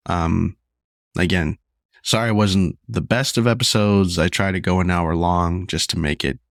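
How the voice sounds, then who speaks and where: A man hosts his podcast alone, speaking earnestly and openly about his own life. His voice sits low and gravelly, strained from sickness as he loses it. The sound is close and dry, with no room around it. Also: steady tone, moderate pace, no echo. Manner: earnest, confessional. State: losing his voice, unwell. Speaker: podcast host. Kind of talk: solo podcast monologue.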